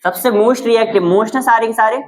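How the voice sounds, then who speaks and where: A man's voice: extremely high pitch, fairly even intonation, unhurried, rough recording. A male chemistry teacher giving a classroom lesson, explaining memory tricks and quizzing students with rhetorical questions. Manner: uses silly memory tricks.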